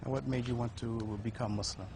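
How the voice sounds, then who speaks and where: A man hosts an interview outdoors in a city neighborhood. He talks easygoing and loose, with frequent "uh"s and murmured agreement. His voice is at an average pitch, and traffic and street noise come through clearly behind him. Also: steady tone, quick pace. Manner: easygoing, many fillers and backchannel murmurs. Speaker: host.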